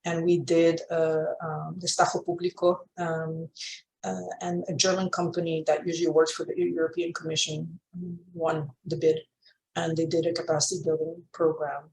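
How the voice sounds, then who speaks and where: A woman with an Aruban accent explains things informally, dropping Dutch terms into her English. Her voice has a noticeable fry to it. The recording is roomy and echoing, with faint noise behind her. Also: deep voice, little pitch movement, normal speed, a little mellow. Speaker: panel speaker from Aruba. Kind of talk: informal explanation in an online session. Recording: echoey room with faint noise.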